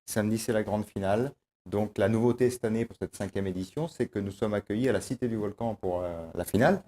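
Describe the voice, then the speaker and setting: A man organizing a student competition, explaining it in an interview with many pauses and fillers. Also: fairly low pitch, warm tone. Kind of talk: interview answers.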